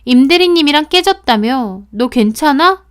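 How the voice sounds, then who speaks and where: A woman voicing a scheming young female friend who gets shrill and defensive when accused. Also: lively intonation, normal speed, a bit bright. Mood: feigned concern.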